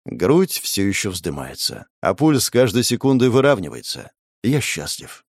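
Male audiobook narrator, mid-pitched, intense dramatic read, close dry sound. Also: big pitch swings, moderate pace, no room sound. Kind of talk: first-person audiobook narration.

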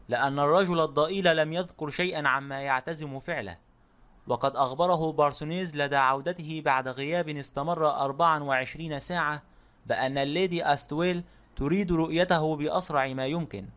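A man giving steady, scripted audiobook narration of a novel. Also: a little high.

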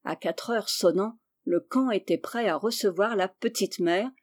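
A woman narrates a classic children's novel in a measured, expressive reading voice. Her pitch sits right in the middle for a woman, and she tells the story in an even, unhurried way. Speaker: audiobook reader. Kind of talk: scripted narration.

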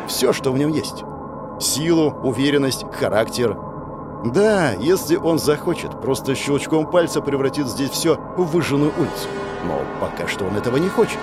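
A young man narrating a first-person novel aloud, lively with sarcastic asides. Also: mid-range voice. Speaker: audiobook narrator.

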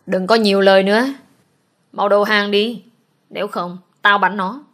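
A woman's voice: medium pitch, steady tone, normal speed, a bit bright, lightly acted. A woman reading the part of a cruel older man, a chairman threatening his own son in an audiobook. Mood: menacing. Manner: cold, threatening.

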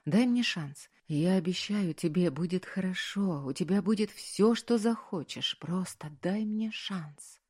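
A woman reading an audiobook, voicing a tender grown man who speaks softly and coaxingly to his lover. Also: lowish voice, expressive, unhurried, few pauses, breathy edge. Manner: soft, coaxing.

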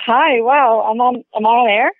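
A woman's voice: fairly high pitch, moderate pace. A college-age young woman from Connecticut calling in to a podcast, an eager fan who fills her talk with "like". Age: college-age young adult. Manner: eager fangirl, fillers like "like". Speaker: caller. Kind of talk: casual call-in chat. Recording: tinny phone line.

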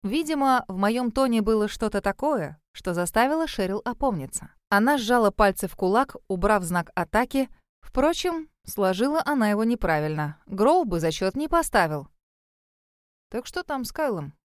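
Lively woman narrating an audiobook. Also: mid-range voice, normal speed, clear, resonant tone, no echo, clean studio sound. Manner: wry, lively storytelling. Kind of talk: first-person audiobook narration.

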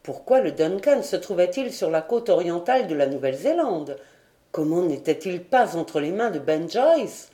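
A woman narrating a classic adventure novel as an audiobook, in a measured, steady reading. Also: on the low side. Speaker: audiobook reader.

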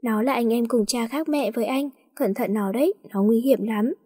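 Story figure: sly grown brother, insistent, husky, dark tone, voiced by a woman. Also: on the high side, moderate pace, big-room sound. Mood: warning. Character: scheming older brother, warning, sly.

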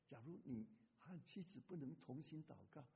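A man pastor preaching a sermon in an animated way, breaking into a hymn at times. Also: on the high side, moderate pace, vocal fry, husky. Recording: lo-fi church hall reverb.

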